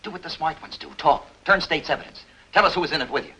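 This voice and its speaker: A blunt hard-driving police captain. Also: male voice, a little high, fast, husky, full character voice. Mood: hard, pressing. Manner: clipped, forceful, hard-nosed interrogating. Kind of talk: 1950s film acting. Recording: dull lo-fi 1950s film audio.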